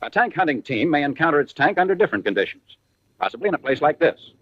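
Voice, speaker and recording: Speaking quickly and with lots of animation, this fairly high-pitched American man reads a scripted narration for a 1940s military training film. His delivery is punchy and colloquial, loaded with wartime slang, and the vintage soundtrack is lo-fi with no room sound.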